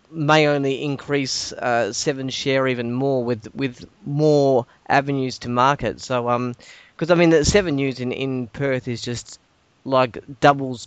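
Smooth-voiced Australian man hosting, halting delivery. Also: medium pitch, steady tone, no room sound, highs cut off. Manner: halting, repeats words as he goes. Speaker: podcast host. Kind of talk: casual discussion.

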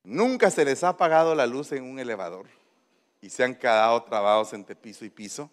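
A man's voice: mid-range voice, brisk. Man, playful questioning preacher, long hall echo. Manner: playful, teasing, coaxing questions. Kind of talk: interactive sermon with congregation.

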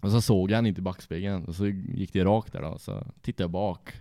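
Low-voiced man telling a crude story. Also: fairly even intonation, dark tone, no room sound, studio quality. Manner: profane, laughs through his story. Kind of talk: casual anecdote telling.

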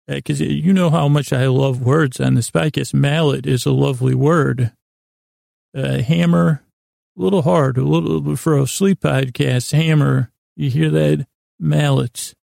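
Recorded close and dry with no room sound, this podcast host has a very creaky, gravelly man's voice at medium pitch with a dark, mellow tone. His improvised sleep monologue meanders and halts, often trailing off and restarting as he doubles back. He muses in a gently absurd, whimsical way on small absurdities.

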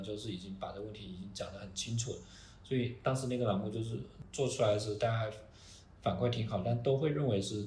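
A man who runs an art organization, talking in a casual podcast and pausing often to restart his thoughts. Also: on the low side, a little mellow. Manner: halting, many restarts and fillers. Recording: roomy with faint noise.

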